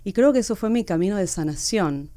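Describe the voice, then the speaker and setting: Argentine woman, warm smooth voice. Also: mid-range voice, expressive, a little fast, no room sound. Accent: Argentine Spanish. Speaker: guest author. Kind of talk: reflective interview talk.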